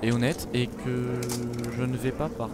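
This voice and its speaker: A man's voice: medium pitch, steady tone, a little slow, over loud music. A young man in his late teens from France, chatting hesitantly on his gaming channel with lots of fillers and restarts. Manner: hesitant, many fillers and self-corrections. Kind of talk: casual gaming vlog talk. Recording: loud gunfire from game audio. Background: zombie shooter game sounds.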